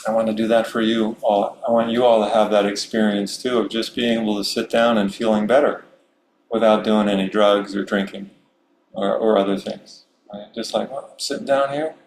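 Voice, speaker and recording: A middle-aged man from Maryland speaking as a Zen priest, giving a relaxed, unhurried Dharma talk with many fillers and soft chuckles. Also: fairly low pitch. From Maryland, USA. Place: meditation hall. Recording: roomy hall with faint hum.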